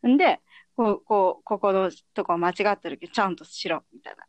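A woman, chatting casually as a podcast co-host, quick to laugh and react. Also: mid-range voice, dry recording. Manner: laughs often, lively reactions. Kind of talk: casual chat.

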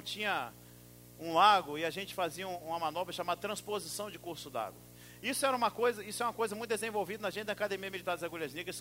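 A middle-aged man preaching with a high, bright, forceful voice. He swings from loud, punchy exclamations to quiet asides. Soft music plays faintly behind him. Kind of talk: sermon.

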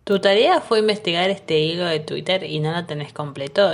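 A woman's voice: fairly low pitch, moderate pace, vocal fry. A young woman with an Argentine Rioplatense accent, co-hosting a casual chat in a wry, slangy way. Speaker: podcast co-host.

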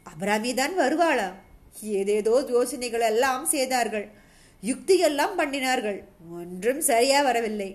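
A woman reading a novel aloud as a narrator, in a steady storytelling manner with occasional restarts. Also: on the high side.

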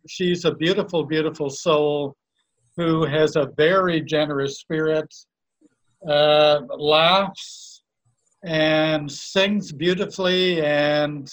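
A man from Canada in a casual conversation, introducing friends in a halting, complimentary way. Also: a little high, a bit bright, low-quality recording. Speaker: guest and co-host introducing friends.

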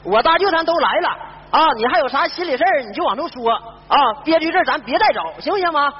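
An actor playing a cheeky, scheming young rural son, quick and wheedling in a live stage comedy skit. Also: male voice, extremely high pitch, lively intonation, long reverb tail. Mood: coaxing. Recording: muffled stage recording with loud audience.

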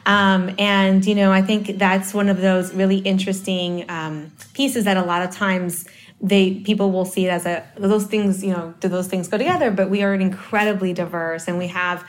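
A woman from the Dominican Republic, appearing as a marketing guest, chats casually about marketing. Her mid-range voice holds a steady tone at a moderate pace while she thinks aloud, full of fillers and restarts.

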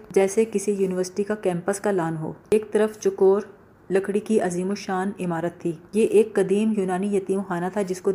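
A woman narrates a novel aloud in steady, scripted storytelling. Her voice is mellow and warm, at a middle pitch for a woman. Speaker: audiobook narrator.

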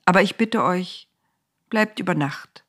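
A woman voicing a calm, steadfast male seer in a storybook reading, speaking firmly. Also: on the low side, measured pace. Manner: calm and firm.

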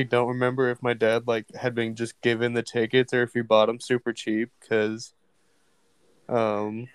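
A man on a podcast recalling a memory in a halting, casual way, with many fillers. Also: medium pitch, clean tone, no room sound. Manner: hesitant, lots of ums and likes. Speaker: podcast co-host. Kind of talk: casual storytelling.

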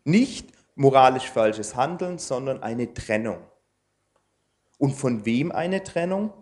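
A man preaching to an audience in a casual, conversational way. He pauses often with fillers and tag questions while he explains his slides. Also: medium pitch, lively intonation, a little mellow. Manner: informal, with frequent "ja" and hesitant fillers; speaks to an audience using slides. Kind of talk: conversational sermon.

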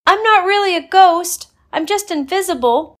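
A woman reading a storybook voicing a shy, lonely young girl who speaks softly and hesitantly. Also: medium pitch, very animated, unhurried, husky. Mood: startled.

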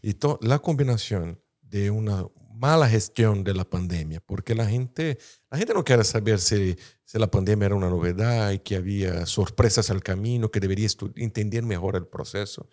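A man with a fairly low voice analyses politics conversationally in Spanish. His Brazilian Portuguese accent is audible, and he slips Portuguese forms into his Spanish. He often searches for the right word as he goes. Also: normal speed, few pauses, a little mellow. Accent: Portuguese-influenced Spanish, Brazilian. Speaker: political commentator.

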